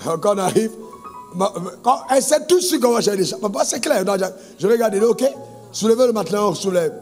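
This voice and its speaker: A man's voice: sits high, expressive, fast, darkish tone, big-room sound, faint music behind. A male pastor preaching a sermon, calling on the congregation to answer amen. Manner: preaching with call-and-response amen prompts.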